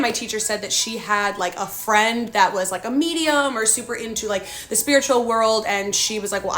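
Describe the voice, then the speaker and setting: A young woman telling a spooky story in a chatty, animated way, full of casual fillers. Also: on the high side.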